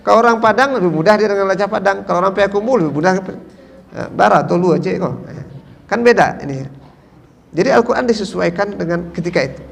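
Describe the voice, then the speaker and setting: A man's voice: high voice, quick pace, creaky. A man preaching to a mosque audience, asking questions and answering them himself, with many tag fillers. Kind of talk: mosque lecture. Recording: long hall reverb.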